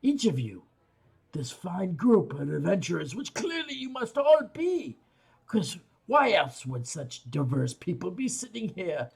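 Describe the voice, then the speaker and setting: A game master voicing a raspy, earnest dwarf traveller who speaks formally and pleads for help in a tabletop game. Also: mid-range voice, big pitch swings, unhurried, a little mellow, exaggerated voice. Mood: earnest pleading.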